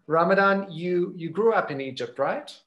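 A man's voice: high voice, animated, moderate pace, highs cut off. Young man hosting a live interview. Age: young adult. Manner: eager, effusive praise with stumbles. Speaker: host. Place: room indoors. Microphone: video call.

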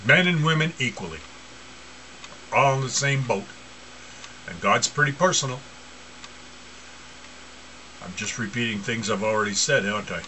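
A man's voice: mid-range voice, expressive, normal speed, pauses often, bright, forceful tone, a little hiss or hum. A man preaching an informal sermon, mocking and asking rhetorical questions, often laughing to himself.

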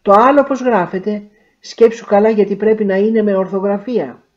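A woman voicing an eager, quick young female factory worker in a spoken story, with lively questions. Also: medium pitch, highs cut off, close to an everyday voice.

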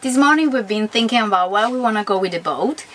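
A woman's voice: medium pitch, lively intonation, quick pace, fairly bright tone. Woman co-host. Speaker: vlog co-host. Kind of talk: casual vlog chat. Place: inside a sailboat cabin.

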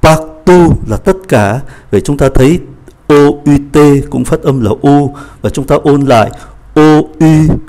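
A man teaching French pronunciation in a language lesson, saying example words slowly and clearly before explaining them at a quicker pace. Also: on the high side, warm tone.

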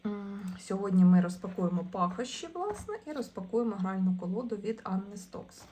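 A woman talks through an unboxing in a relaxed, chatty way, pausing on fillers and restarting her thoughts. Her voice sits at a middling pitch. A faint hiss of background noise stays under her voice. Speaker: vlogger unboxing tarot and esoteric goods. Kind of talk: casual unboxing chat.

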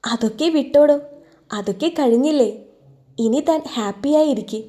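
A woman voicing a calm young man in an audio love story, talking in an easygoing, reassuring way. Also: high voice, normal speed, natural voice.

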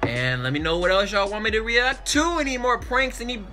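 A young man giving casual, profane, slangy and excitable reaction commentary. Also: sits high, brisk, soft background music. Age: young adult. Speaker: reaction video host. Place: small bedroom indoors.

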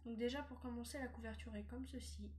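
A woman's voice: on the high side, fairly even intonation, quick pace. A woman chatting casually through a review of a collectible doll magazine, hesitant with many fillers and restarts. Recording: echoey room, faint noise.

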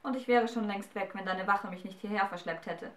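Eine Frau spricht ein uraltes, schnippisches Hexenmädchen mit spitzer, sarkastischer Art. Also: female voice, medium pitch, fairly quick, fairly bright tone, echoey room, close to an everyday voice. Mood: spöttisch. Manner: snappy, sarcastic. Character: defiant half-witch girl, centuries old, sharp-tongued.

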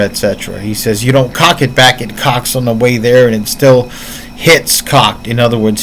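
A man's voice: medium pitch, a little hiss or hum, poor audio. A man giving casual reaction commentary on martial arts, explaining his points earnestly while thinking aloud.

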